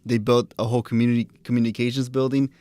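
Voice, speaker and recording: A man's voice: mid-range voice, level tone, fast talker, warm tone, no room sound. A young man hosting a casual podcast, asking loose, joking questions with plenty of fillers. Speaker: podcast host.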